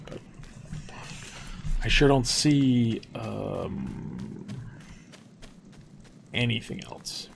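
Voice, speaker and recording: A young man commentating a game casually, thinking aloud and dropping to hushed tones when nervous. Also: medium pitch, creaky, noisy background. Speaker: gameplay commentator. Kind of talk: casual let's-play commentary.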